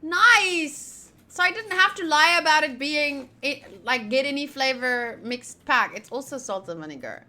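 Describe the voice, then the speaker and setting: This clip has the same playful, slang-heavy streamer swearing her way through a visual novel, mixing casual gameplay chat with lines read from the game. She sits high in pitch with lively intonation, talking a little slowly with few pauses and a sharp tone.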